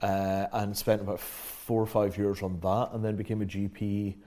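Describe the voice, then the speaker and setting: Fields: Sex: man. Origin: Britain. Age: middle-aged. Role: interview guest. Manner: reflective, acts out quoted reactions. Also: normal speed. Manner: reflective storyteller, acts out quoted reactions with sudden lively pitch jumps. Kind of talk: casual conversational interview.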